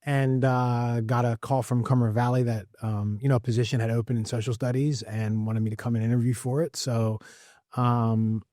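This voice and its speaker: A man's voice: medium pitch, flat delivery, moderate pace, warm tone, no echo, clean studio sound. A man in his forties with a Central Pennsylvania accent, a guest coach reflecting in a podcast interview, with many fillers and repeated words. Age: 40s. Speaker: guest, wrestling coach and teacher. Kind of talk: conversational interview.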